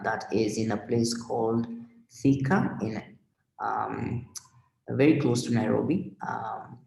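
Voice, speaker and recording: A man from Kenya with a Kenyan accent, a guest on a remote video interview, speaking in a measured way with many pauses and fillers. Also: medium pitch, gravelly, darkish tone, roomy sound, a little hiss or hum, low-quality recording. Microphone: video call.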